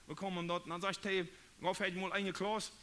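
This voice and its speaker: A man from Paraguay with a Mennonite Low German accent, preaching a sermon in halting, repetitive phrases. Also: little pitch movement, sharp tone, a little hiss or hum.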